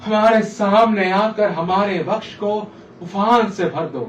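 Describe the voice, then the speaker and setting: A man playing a lovesick, anguished emperor in a Ramayana stage monologue, declaiming grandly to his sulking queen and swinging between hushed and loud delivery. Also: high-pitched, slow pace, faint music behind. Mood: impassioned calling. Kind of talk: theatrical Hindi stage monologue from a Ramayana play. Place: theatre stage, with music behind the voice. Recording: echoey theatre hall, distant mic.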